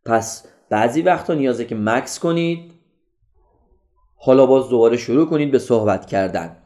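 A man teaching an online course on public speaking in a lively, instructive way, sometimes showing loud, soft and paused delivery. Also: medium pitch.

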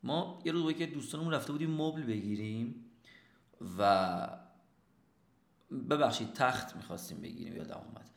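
A man giving a sales lesson, lively, often asking and answering his own questions. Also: medium pitch, vocal fry, long pauses, roomy sound. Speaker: sales trainer. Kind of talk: instructional talk.

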